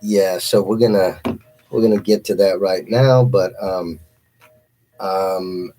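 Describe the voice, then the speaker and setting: A man's voice: low-pitched, fairly even intonation, takes it slowly, mellow. A man hosting a casual interview show in a laid-back way, often calling people "brother". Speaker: host.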